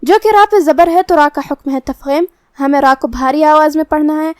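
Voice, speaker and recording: A woman teaching the rules of Quran recitation, explaining each rule calmly and methodically and reciting the verses slowly. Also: high-pitched, no echo, studio quality. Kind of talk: tajweed lesson, explaining rules.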